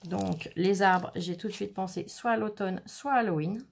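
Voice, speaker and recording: A woman's voice: mid-range voice, normal speed, creaky. A woman chatting casually through a scrapbooking stamp haul, showing items one by one with frequent fillers. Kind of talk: casual haul video commentary.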